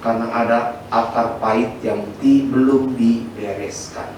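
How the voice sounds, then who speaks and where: A male pastor giving an animated sermon, swinging his pitch up and down and often restarting words. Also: measured pace, far from the mic, slight background noise. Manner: animated preaching, sweeping pitch, frequent fillers and restarts. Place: church sanctuary. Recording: echoey church hall from afar with faint ambience.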